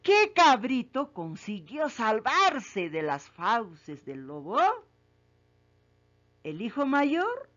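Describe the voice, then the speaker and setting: Lady teacher asking kids story questions, slow and sing-songy, kinda high voice, muffled recording. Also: sing-song, a bit bright. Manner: asks each question and repeats it, then confirms the answer. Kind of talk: reading comprehension quiz for children.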